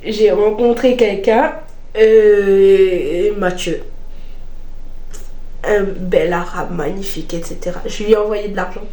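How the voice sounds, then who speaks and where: A woman gossiping in an animated, casual way as she tells personal stories, repeating phrases for emphasis. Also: mid-range voice, slow pace, long pauses. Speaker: vlogger telling personal stories. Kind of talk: casual gossipy storytelling chat. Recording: echoey room, faint background noise.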